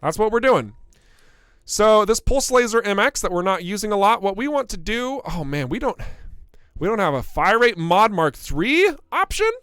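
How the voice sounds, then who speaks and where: Young man, game developer, live gameplay stream commentary, playful, excitable, high voice, dry close sound. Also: moderate pace, clean tone, no room sound. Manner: playful, excitable, laughs often.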